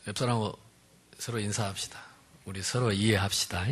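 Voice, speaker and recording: A male pastor preaching a sermon in an animated, humorous way, swinging between loud emphasis and quiet asides. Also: lowish voice, a little fast, slight background noise.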